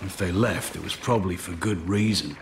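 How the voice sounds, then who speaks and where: A man's voice: low-pitched, fairly quick, vocal fry, a little hiss or hum. An actor playing a weary, skeptical male survivor with a doubtful manner in a dramatic video game.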